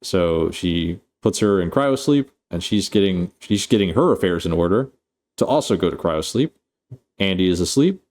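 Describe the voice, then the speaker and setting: A man's voice: low voice, animated, moderate pace, darkish tone. A man casually recapping a movie plot, rambling and swearing, full of fillers and restarts. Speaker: movie reviewer.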